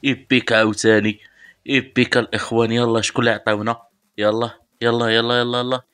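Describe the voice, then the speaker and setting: Fast-talking Moroccan man opening game packs. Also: mid-range voice, flat delivery, a bit bright, smooth. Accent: Moroccan Arabic. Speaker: mobile football game channel host. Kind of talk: live pack-opening commentary.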